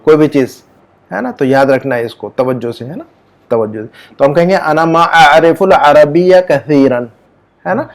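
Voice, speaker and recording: A man teaching an Arabic lesson to a student, patiently repeating words, drawing out sounds slowly and checking understanding. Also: mid-range voice, very animated, vocal fry, a little mellow.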